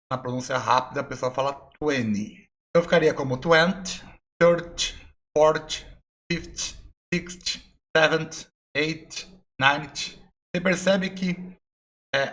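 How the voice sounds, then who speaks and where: A young man with a Brazilian Portuguese accent talks through an English lesson in a slightly high voice. He explains slowly and patiently, repeating each example so the learner can follow. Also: a bit bright. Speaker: English teacher. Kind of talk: online language lesson.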